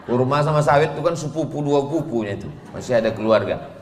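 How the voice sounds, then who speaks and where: A man, preaching in a lively religious lecture, teasing the crowd with questions and chanting verses. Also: medium pitch, fast talker, slight background noise. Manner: playful, teasing questions, chanted Quran recitation. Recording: echoey hall with long reverb.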